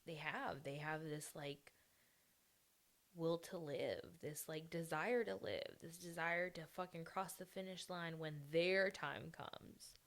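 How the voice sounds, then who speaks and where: Gravelly low-voiced woman venting bluntly. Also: fairly even intonation, slow, fairly bright tone. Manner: blunt, heavily profane venting. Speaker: podcast host. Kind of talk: candid personal monologue.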